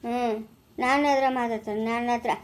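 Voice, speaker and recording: A woman's voice: on the high side, fairly even intonation, a little fast, natural voice. A woman playing a quarrelsome, indignant village man in a family skit, in a rural Chikkaballapura Kannada accent, scolding and ranting and repeating herself.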